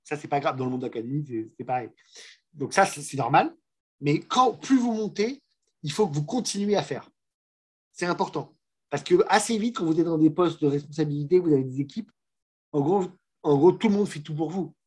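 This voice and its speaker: Middle-aged French speaker, casual and frank, lightly husky, warm, fairly high-pitched. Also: male voice, lively intonation, a little fast. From France. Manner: frank, chatty, many restarts and fillers. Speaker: managing director and guest speaker. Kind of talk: casual master class talk to students.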